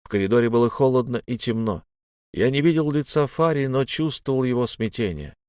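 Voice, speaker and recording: A man narrating a first-person audiobook in a steady, measured way. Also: medium pitch, clear, resonant tone, dry recording, studio quality.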